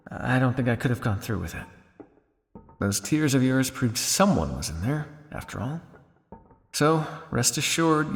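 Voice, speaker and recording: A creaky, medium-pitched male voice plays an old vampire scientist, weary and weighed down by guilt, in an ASMR roleplay. He speaks to the listener in a measured, dry, formal way, and the sound is that of a large hall.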